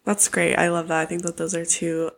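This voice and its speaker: A woman hosting an interview podcast, chatty and quick to laugh along with her guest. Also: fairly low pitch, little pitch movement. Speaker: podcast host. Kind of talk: conversational interview.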